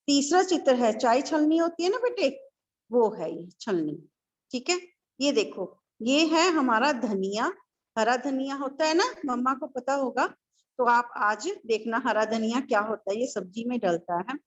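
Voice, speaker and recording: A woman kindergarten teacher with a North Indian Hindi accent, giving an online lesson in a patient, sing-song way to small children. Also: sits high.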